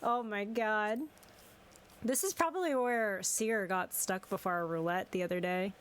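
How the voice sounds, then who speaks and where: A woman's voice: medium pitch, a little slow, a little hiss or hum. A woman livestreaming a game in a cute, bubbly anime-streamer way, chatting casually and greeting viewers effusively. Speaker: VTuber streamer. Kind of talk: casual livestream chat over a video game. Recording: game music behind the voice. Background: game music.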